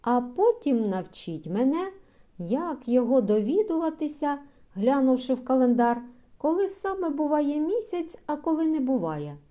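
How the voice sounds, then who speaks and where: A naive, hot-tempered bourgeois gentleman, as a woman reader puts him on, with an eager exclaiming manner and a loud, lively voice that swings high and low. The tone is mellow and warm. It sounds like a storybook comedy read aloud. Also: normal speed. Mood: delighted.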